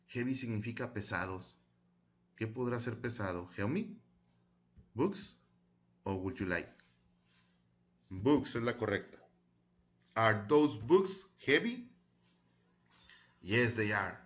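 Slow, patient male English teacher. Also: lowish voice. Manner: slow, patient explanations in Spanish, reads English model dialogues aloud twice. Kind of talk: recorded classroom lesson.

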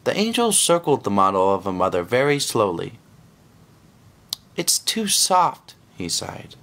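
A man reading a story aloud during a church service in a slow, lively storytelling manner. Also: on the low side, creaky.

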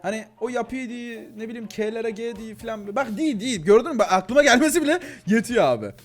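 A young man chatting excitedly through a game he plays, with a voice that swings between thin and deep, addressing his viewers. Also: fast talker, faint music behind. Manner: excitable, chatty, talks to viewers as "gençler" and "abi", frequent laughs. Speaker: gaming YouTuber. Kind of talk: casual Let's Play commentary.

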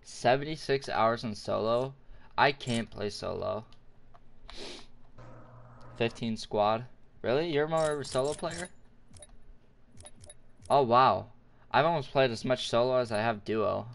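A man's voice: medium pitch, unhurried, gravelly, pauses often. A young man chatting casually while gaming, rambling and thinking aloud. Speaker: gamer.

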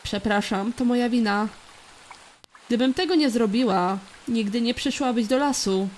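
A woman voicing an anxious, self-sacrificing young girl, reading the game's dialogue in a soft dubbing manner. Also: on the high side, moderate pace, slight background noise, lightly acted. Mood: apologetic. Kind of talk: reading game dialogue aloud.

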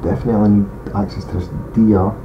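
A fast-talking man with a fairly low pitch hosts a gaming channel, giving relaxed let's play commentary as he works through a strategy game, musing about his moves with mumbled asides. He says his regional accent may lose some listeners. The recording comes from a dull lo-fi home mic with heavy hiss.

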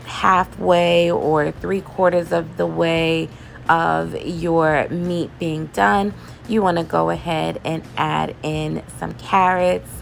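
A woman chatting casually as she cooks in her home kitchen, relaxed and loose, with laughs and fillers. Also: fairly low pitch, slow pace, creaky, slight background noise. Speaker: home cooking vlogger. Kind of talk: casual cooking voice-over.

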